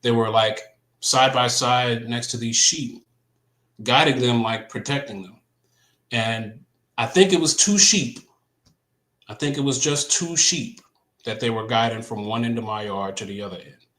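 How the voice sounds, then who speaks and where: A man on a casual faith chat show, telling about a dream in a halting way with many ums and restarts. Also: mid-range voice, a bit bright, roomy sound. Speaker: co-host.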